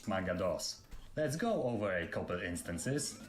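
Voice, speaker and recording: A man's voice: low voice, very animated, moderate pace, slight background noise. A synthetic male text-to-speech robot voice narrating a video critique, reading chapter and page numbers in a clipped, listing way. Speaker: narrator of a played video essay. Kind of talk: flat list-style critique narration. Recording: roomy video clip with guitar music underneath.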